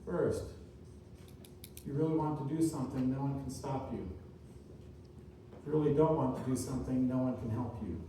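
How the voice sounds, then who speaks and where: A very mellow male motivational speaker gives an inspirational keynote to a live audience in a large indoor seminar room. His mid-range voice stays fairly even as he speaks earnestly and deliberately in short, emphatic, repeated phrases. The distant mic picks up echo and faint noise.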